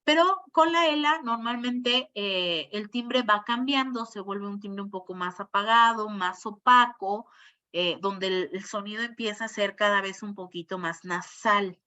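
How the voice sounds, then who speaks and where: In an informal online lecture, a woman who works as a speech therapist explains things step by step and keeps checking in with her listeners. Her mid-range voice moves at a measured pace with a bright, forceful tone. The audio is muffled and lo-fi.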